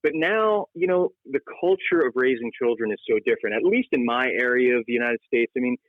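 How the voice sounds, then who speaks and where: A man's voice: fairly quick, no room sound. Man in his forties, psychiatrist guest, emphatic, tinny phone-like sound, very dry. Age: 40s. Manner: emphatic, building to lively high-pitched points. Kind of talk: conversational interview.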